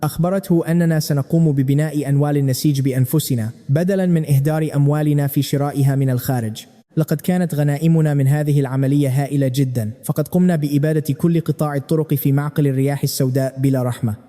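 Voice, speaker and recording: A male narrator telling a dramatic first-person story at a brisk clip. His tone is deep-colored and mellow, sitting a bit higher than usual, with a long reverb trailing behind it. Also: steady tone.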